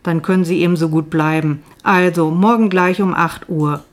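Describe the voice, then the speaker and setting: A woman voicing a calm, probing male psychologist in a novel reading, asking questions matter-of-factly. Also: fairly low pitch, normal speed, lightly acted.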